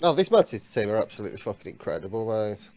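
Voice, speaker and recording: A man's voice: lowish voice, very animated, rapid-fire, a little mellow, soft background music. A man co-hosting a football stream, reacting casually to the match in blunt, sweary, matey talk. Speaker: co-host of a football watch-along stream.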